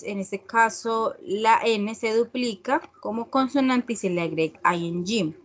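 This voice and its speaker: A woman teaching an English class, explaining spelling rules step by step and checking often that students follow. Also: fairly high pitch. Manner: slow and patient, often checking with a questioning "¿sí?"; reads English examples slowly and deliberately.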